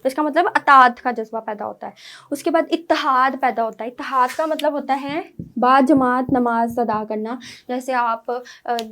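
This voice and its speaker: A woman's voice: a little high, a bit bright. A woman teacher, giving an online lecture to schoolchildren, explaining step by step and often checking with "right?".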